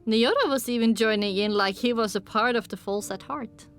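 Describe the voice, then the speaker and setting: A woman reading a first-person audiobook in measured storytelling. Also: fairly high pitch, faint music behind. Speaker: audiobook narrator. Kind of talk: scripted first-person narration.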